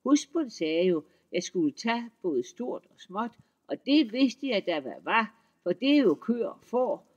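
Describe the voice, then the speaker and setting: A man's voice: sits high, big pitch swings, dull audio. A man voicing a sly young farmhand who answers politely and innocently, read in a folk-tale audiobook. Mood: dutiful. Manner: mild, polite, mock-innocent.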